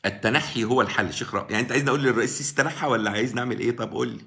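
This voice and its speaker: Racing along in a bright, forceful, medium-pitched voice, this Egyptian-accented man argues casually about politics on his live stream. Speaking into a live-stream mic, he answers viewers by name.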